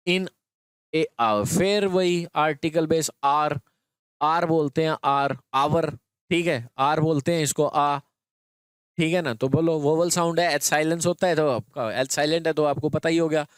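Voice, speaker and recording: Guy teacher doing an exam grammar class, clear smooth voice kinda high, walks through it step by step, dry close sound. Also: a little slow, no echo. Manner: explains step by step, often checks in with students. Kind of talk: exam prep grammar lesson.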